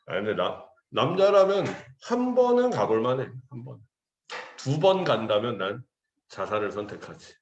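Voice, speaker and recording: A man in his forties tells his class a story in a joking, animated way, acting out every voice he quotes. His pitch leaps up and down freely. The sound rings in a roomy echo. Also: unhurried, lo-fi sound, slight background noise. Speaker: English teacher. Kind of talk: casual storytelling to students.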